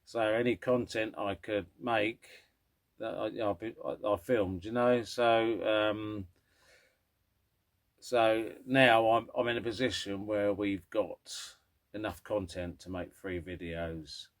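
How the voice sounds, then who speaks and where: A middle-aged man who hosts a car vlog, chatting casually and rambling in a low-key, grumpy old man manner. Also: fairly even intonation, slow pace. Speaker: host of a classic car vlog.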